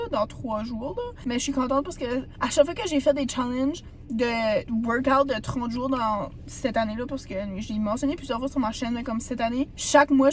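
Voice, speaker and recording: A young woman with a Quebec French accent, hoarse from a sore throat, chatting and rambling in a casual vlog with lots of fillers. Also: high-pitched, a little hiss or hum. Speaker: vlogger.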